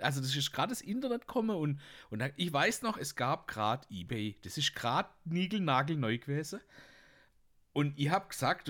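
A middle-aged man with a Swabian German accent hosts in a fairly high, slightly bright voice. He tells jokes casually, chuckles often, and ends lines with a questioning "gell".

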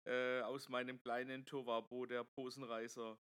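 A man jokes his way through a casual podcast monologue, chatting away and laughing at his own punchlines, captured on a headset mic. His medium-pitched voice is smooth and a bit bright, though his delivery is flat.

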